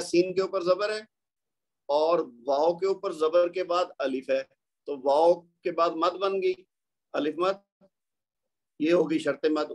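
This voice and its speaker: Male teacher, slightly higher voice, patient step-by-step explainer. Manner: patient, explanatory, asks and answers his own questions. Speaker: Quran recitation teacher. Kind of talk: tajweed lesson.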